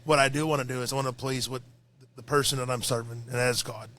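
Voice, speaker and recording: A tired man with a slightly crackly voice is a guest in a casual podcast conversation, speaking earnestly and reflectively and repeating phrases. His medium-pitched voice is bright and forceful, fast, with fairly even intonation.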